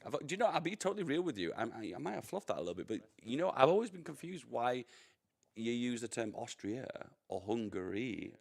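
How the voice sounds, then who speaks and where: This Yorkshireman, speaking with a Yorkshire accent, commentates a live strategy game stream in a chatty, rambling way and laughs easily. His medium-pitched voice is brisk and sing-song, with some vocal fry.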